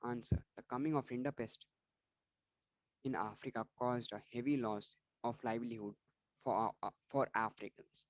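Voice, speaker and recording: A man's voice: mid-range voice, fairly even intonation, normal speed, dry recording, poor audio. Man tutoring exam answers, dry close sound. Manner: apologetic, repeats and restarts words. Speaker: online tutor. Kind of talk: exam revision lesson.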